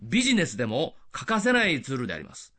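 A man's voice: on the high side, fast. An older man giving a radio sermon as an evangelist, explaining things plainly and posing questions to the listener. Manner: lively, explanatory with rhetorical questions.

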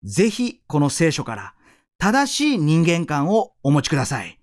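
A man's voice: on the high side, wildly swooping pitch, normal speed. A man preaching a sermon as a pastor, earnest and speaking straight to the listener. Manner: earnest, addressing listener directly.

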